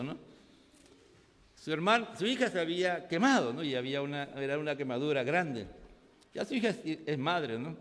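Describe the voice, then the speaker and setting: A man with a Peruvian Spanish accent, a pastor preaching a sermon, moving from quiet storytelling to shouted preaching in a church. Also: high voice. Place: church hall. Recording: long hall reverb.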